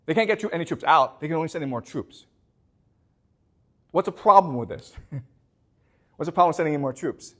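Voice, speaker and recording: Male lecturer, animated delivery, restarts and repeats words, keeps asking the class whether they follow. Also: a little high, fairly quick, pauses often. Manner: checks in constantly with the class.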